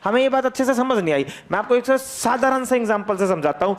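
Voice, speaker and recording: A man with a high-pitched voice teaches physics in a classroom. He repeats each key point several times and keeps firing questions at his students. He calls on them by name to make them answer. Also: lively intonation, fast. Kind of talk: energetic classroom lecture.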